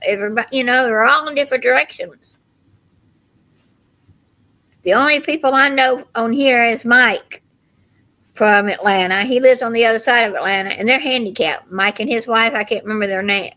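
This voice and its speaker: A woman's voice: fairly high pitch, moderate pace, bright, forceful tone, low-quality recording. Older Southern woman chatting casually. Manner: folksy, meandering storytelling. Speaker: livestream host. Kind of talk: casual rambling chat to livestream viewers.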